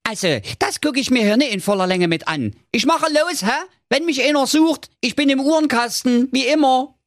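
High squeaky little goat kid, mouthy and quick, spoof fairy tale. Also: male voice, animated, dry recording, clean studio sound. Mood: cheeky. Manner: cheeky, fast, mouthy. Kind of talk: comic fairy-tale parody.

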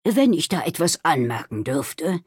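A woman's voice: deep voice, sing-song, measured pace, breathy edge, no room sound, clean studio sound, heavily acted. A woman voicing a cautious, formal male doctor who speaks stiffly and politely.

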